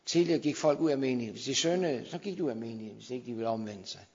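Fervent preacher man, gravelly, echoing hall. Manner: fervent, exhorting, swells loud then drops low. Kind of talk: sermon. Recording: dull, long-reverb hall sound.

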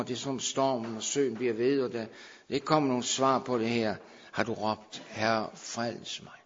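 A man preaching a sermon, moving between hushed, slow pleading and raised, urgent calls to his listeners. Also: mid-range voice. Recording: dull sound with long hall reverb.

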